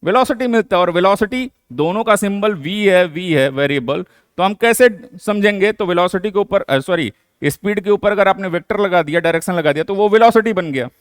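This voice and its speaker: A man with a high, resonant voice talks briskly and clearly as he teaches a physics lesson, walking through it step by step and answering his own questions. He speaks Hindi sprinkled with English terms, in a classroom-lecture style. The recording is dry and studio-clean.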